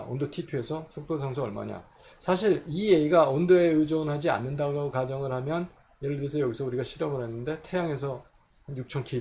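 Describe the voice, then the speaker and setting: Gravelly-voiced man teaching chemistry. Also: mid-range voice, darkish tone, slight background noise. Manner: explains step by step, asks and answers his own questions. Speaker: chemistry lecturer. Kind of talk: recorded university lecture.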